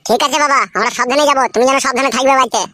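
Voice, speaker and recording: A woman voicing a suspicious young man in a cartoon comedy, talking in a rapid, fussy, pleading way. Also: high-pitched, fairly even intonation, sharp tone, dry recording.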